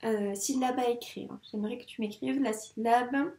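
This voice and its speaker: A woman teaching first grade, running a dictation lesson for young children and saying syllables slowly and clearly. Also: a little high, steady tone, a little mellow. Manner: slow, clearly articulated syllables. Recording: echoey room.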